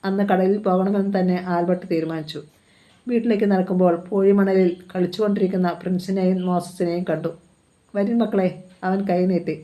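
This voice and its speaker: A woman narrating a novel aloud in a steady, even storytelling manner. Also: fairly low pitch, fairly quick, highs cut off. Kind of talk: novel reading.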